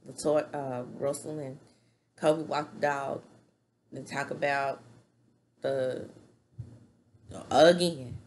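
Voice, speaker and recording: A middle-aged woman with a deep voice offers casual, opinionated commentary recapping a reality show, chatting and using hand gestures. She's indoors in a small home room, recorded on a webcam at desk distance with slight background noise.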